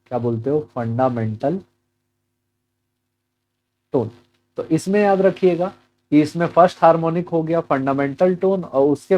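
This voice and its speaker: A man's voice: on the high side, lo-fi sound. A man walking through a physics exam problem as a teacher, mixing Hindi with English terms and asking and answering his own questions.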